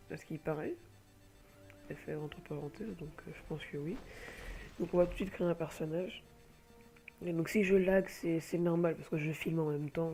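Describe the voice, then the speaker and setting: A gamer with a cold presents an online game, speaking over gameplay through a home computer mic. His voice runs on the high side and a little mellow, and he rambles casually and hesitantly with lots of filler sounds.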